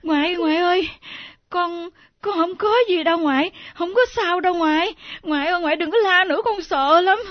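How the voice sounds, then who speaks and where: A woman's voice: extremely high pitch, moderate pace, dry recording. A woman playing a scared, remorseful young grandchild in a radio drama, pleading and sobbing. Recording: dull lo-fi old radio recording.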